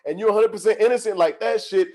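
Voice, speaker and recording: High-voiced emphatic man on a podcast. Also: quick pace, a little mellow. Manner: emphatic, repeats his point. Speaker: podcast co-host. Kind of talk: casual chat.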